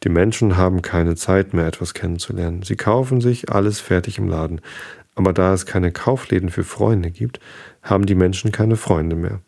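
A man voicing a wise, patient male fox in a storybook reading, calm and earnest. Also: deep voice, normal speed, vocal fry.

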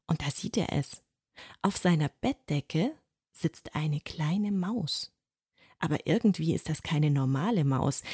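A woman narrating a children's storybook in a calm, gently expressive reading. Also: lowish voice, slightly rough, no echo, clean studio sound.

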